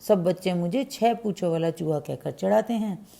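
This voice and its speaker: Lady doing a whiny little boy mouse from a kids storybook, kinda gravelly and mellow. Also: fairly low pitch, normal speed. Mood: complaining. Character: small young male mouse, tearful and teased.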